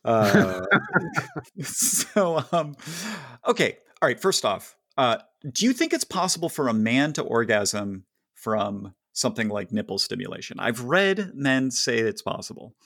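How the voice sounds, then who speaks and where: This co-host's voice is mid-range and a bit bright, with big pitch swings and an unhurried pace, recorded with no room sound. In casual podcast chat, he reads out listener questions and jokes in a dry, wry manner.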